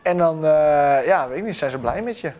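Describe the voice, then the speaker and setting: A man's voice: on the high side, lively intonation, normal speed, a little mellow. A young man playing a video game and chatting loosely through it, trailing off and blurting out exclamations. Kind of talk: casual let's-play commentary.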